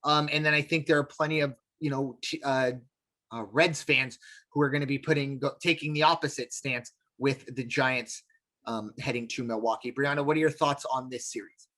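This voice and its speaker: A man's voice: mid-range voice, fairly even intonation, moderate pace, bright, forceful tone. A man co-hosting a casual sports podcast, rambling with lots of fillers and restarts. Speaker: podcast co-host.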